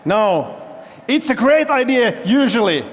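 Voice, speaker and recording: A man's voice: very high-pitched, big pitch swings, a little slow. A man from Finland, a CEO giving a keynote talk on a festival stage and telling his story while quizzing the audience with show-of-hands questions. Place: large festival hall stage. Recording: long hall reverb.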